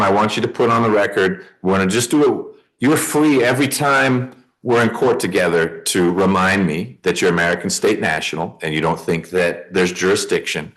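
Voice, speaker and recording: A man's voice: deep voice, a bit bright, low-quality recording. A man speaking as a judge, explaining procedure in a plain, conversational way and checking that he is understood. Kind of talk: informal courtroom explanation. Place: courtroom.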